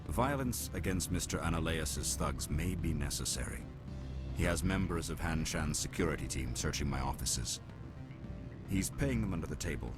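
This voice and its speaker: A suave deep-voiced alien executive. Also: male voice. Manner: polite, dry, formal diction. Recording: game audio with loud music behind.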